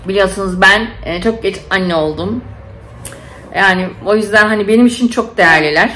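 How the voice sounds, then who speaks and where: A woman's voice: medium pitch, brisk, pushed and bright. A middle-aged woman, a nurse and mother, chatting casually to camera at home and telling stories with feeling and lots of fillers. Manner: chatty, emotional storytelling with many fillers.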